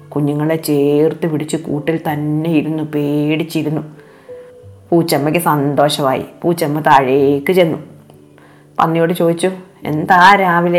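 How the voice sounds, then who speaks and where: A woman narrating a children's animal fable in a gentle, unhurried storytelling manner. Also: deep voice.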